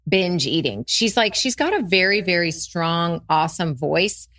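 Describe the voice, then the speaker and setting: A woman's voice: fairly low pitch, animated, a little slow, fairly bright tone, no room sound, studio quality. A woman co-hosting a podcast, chatting casually and enthusiastically about a student's story, with hesitant starts. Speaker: podcast co-host.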